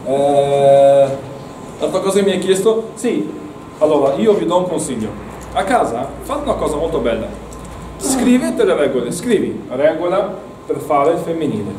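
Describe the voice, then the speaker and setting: A man's voice: on the high side, sing-song, moderate pace, warm tone, slight background noise. Man teaching a class in an echoey room. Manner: encouraging, repeats words for students. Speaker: Arabic teacher. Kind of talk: classroom lesson. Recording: echoey room, mic far off.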